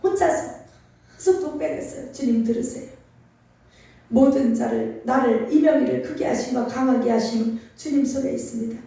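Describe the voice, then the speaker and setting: A middle-aged woman pastor with a Chungcheong Korean accent, preaching a lively, emphatic sermon and drawing answers from the congregation. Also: on the high side, normal speed, creaky. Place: church sanctuary. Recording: echoey church hall from far off.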